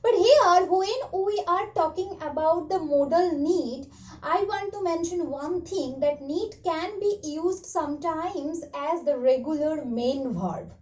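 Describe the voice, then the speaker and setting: High-voiced woman teaching grammar slowly. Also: darkish tone. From India. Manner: slow and careful, repeating each example sentence more slowly. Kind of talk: explaining a grammar lesson. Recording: echoey, distant and muffled.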